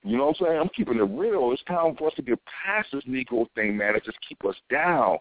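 A thin, phone-like recording of an American man on an impassioned soapbox rant. His pitch swings widely as he preaches and exhorts, hammering phrases again and again in loose street vernacular. The sound is dry, with little room around it. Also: big pitch swings, brisk, no echo. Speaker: self-styled spiritual teacher.

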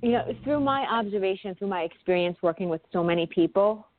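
A woman with a New York accent, a guest on an interview, talking quickly and earnestly with some ums. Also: medium pitch, lively intonation, no echo. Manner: quick, heartfelt talk with ums. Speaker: guest, animal communicator. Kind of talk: casual interview chat. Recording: dry, tinny phone-like line.

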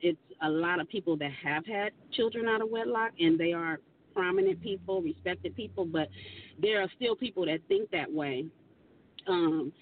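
A woman's voice: on the low side, expressive, normal speed, far from the mic, narrow, tinny audio, slight background noise. A woman co-hosting a radio talk show, speaking earnestly and at length, often restarting her sentences.

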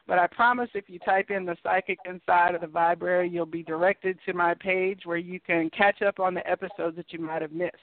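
A woman's voice: lowish voice, steady tone, brisk, few pauses, dry recording. A woman hosting a call-in psychic talk show in a chatty, upbeat way. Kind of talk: casual radio-show hosting. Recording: dry, tinny phone line.

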